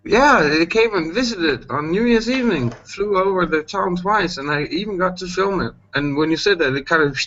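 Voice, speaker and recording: High-pitched guy talking all lively and laughing, muffled lo-fi sound. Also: normal speed, hardly any pauses. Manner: animated, laughs often, acts out quotes. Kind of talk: casual chat on a video call. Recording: dull lo-fi call audio with faint background noise.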